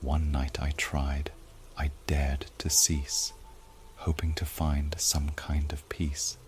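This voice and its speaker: A man voicing a haunted, cursed man who confesses in hushed, half-whispered rhyme. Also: rumbling low, little pitch movement, slow, faint music behind.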